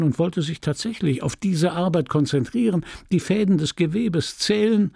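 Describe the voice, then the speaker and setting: A man reading a classic novel aloud as an audiobook, with dramatic, measured storytelling on a close studio mic. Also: on the high side, creaky, darkish tone, slightly rough, dry recording. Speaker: audiobook reader. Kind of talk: literary audiobook narration.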